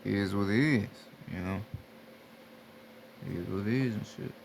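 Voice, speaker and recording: A spiritual teacher with a fairly low voice gives a casual motivational talk at normal speed, bluntly and repetitively urging listeners to wake up while swearing freely. There is slight background noise.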